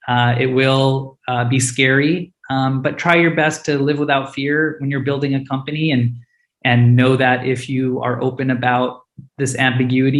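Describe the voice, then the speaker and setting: A startup founder whose first language is Hindi answers panel questions earnestly and openly, with frequent fillers and restarts. His mid-range voice sounds reverberant.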